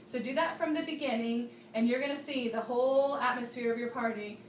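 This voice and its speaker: A woman's voice: on the high side, fairly even intonation, fairly quick, slight background noise. A woman giving a bubbly, chatty Tupperware party training demonstration to a small group, laughing often. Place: room with guests at a party demo. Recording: roomy sound from a distant mic.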